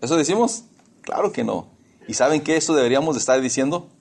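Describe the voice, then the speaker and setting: A man's voice: mid-range voice, expressive, quick pace, creaky, a little mellow, slightly rough. A man preaching a sermon, telling personal stories, calling listeners brothers and slipping English words into his talk.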